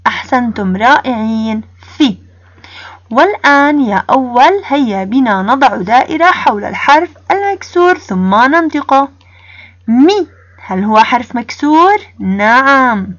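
A woman teacher leading a first-grade reading lesson, sounding out letters slowly and praising the class, with a Jordanian Arabic accent. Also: sits high, animated, fairly bright tone, no echo, muffled recording. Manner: slow, drawn-out sounding of letters with call-and-response praise.

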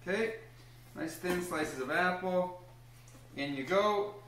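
Slow-paced and high-pitched, this young man's bright voice comes with a faint hiss or hum. As a home cooking host in an echoey kitchen, he demonstrates a recipe in a casual, upbeat way, encouraging the small child helping him as he explains every step.

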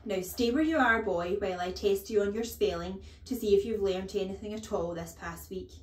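A woman's voice: medium pitch, a little fast, lightly acted. A woman voicing a huge, bullying headmistress who barks contemptuous commands and insults in a children's storybook reading. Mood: scornful, bullying. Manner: barking, bellowing commands, contemptuous. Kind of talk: children's storybook read-aloud. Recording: echoey room.

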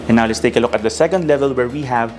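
A man's voice: medium pitch, very fast, music in the background. A man in his thirties, a real estate broker, giving a polished walking house tour of a townhouse, pointing out features room by room. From Philippines. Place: bright empty townhouse rooms indoors.

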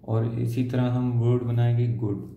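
Slow-spoken man teaching shorthand, gravelly voice. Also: mid-range voice, steady tone, slight background noise. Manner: slow, patient, trails off softly while drawing symbols. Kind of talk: slow step-by-step lesson while writing. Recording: dull lo-fi sound in an echoey room.

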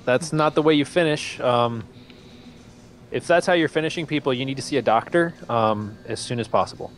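A man's voice: medium pitch, brisk. A man co-hosting a horror game let's-play, laughing a lot and rambling through his comments. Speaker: co-host. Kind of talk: casual let's-play chat. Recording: faint background noise.

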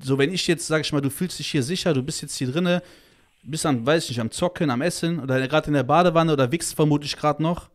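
Blunt, crude-talking man, slightly high voice. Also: fast talker. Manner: blunt and crude, heavy slang, swears, keeps saying "Alter"; heated, emphatic storytelling. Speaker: guest, child-protection activist. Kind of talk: casual podcast conversation.

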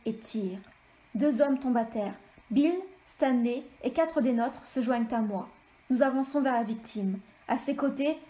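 A woman author reading an extract of her novel aloud in steady, measured storytelling. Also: high voice. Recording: echoey room.

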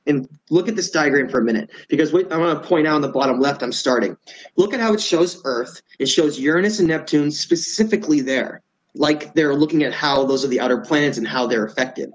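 A man's voice: on the high side, a little fast, low-quality recording. A man presenting in a casual lecture, earnest and emphatic, often restarting words.

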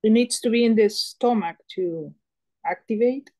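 A woman's voice: fairly high pitch, a little slow, mellow. A woman student answering the teacher's questions tentatively.

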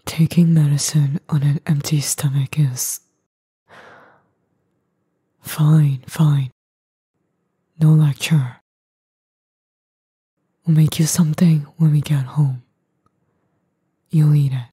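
A woman voicing an edgy young boyfriend, gruff but tender and worried, in a breathy, husky, halting ASMR role-play. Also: low-pitched, fairly even intonation, mellow, no room sound, studio quality, exaggerated voice. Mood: apologetic, tender, then gruffly affectionate.

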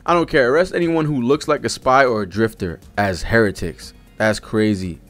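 A man in his thirties streams manga reactions from a small indoor setup, reading panels aloud as he gives casual, slangy, profane live commentary into a close desk-arm mic. His mid-range voice has a fairly bright tone at normal speed, with soft background music.

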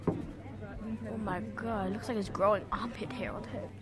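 A woman's voice: mid-range voice, steady tone, a little slow, very noisy. A woman chatting casually and joking around on a forest walk. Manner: playful, joking. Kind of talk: casual chat.

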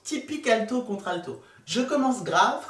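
A woman vocal coach giving a playful, demonstrative lesson, often laughing at herself and sliding between her voice registers. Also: mid-range voice. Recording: roomy sound from a distant mic, faint music.

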